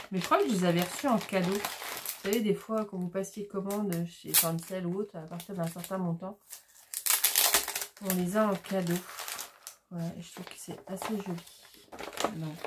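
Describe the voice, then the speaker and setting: A woman's voice: on the low side, fairly even intonation, a little slow, long pauses, very noisy. A woman hosting a craft video, chatting casually with many fillers as she shows her supplies. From France. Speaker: craft channel host. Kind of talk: casual chat showing crafts.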